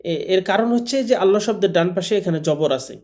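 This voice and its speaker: A man teaching a Quran class, explaining rules patiently and slowly stretching out Arabic sounds as examples. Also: high-pitched, darkish tone. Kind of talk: classroom lesson.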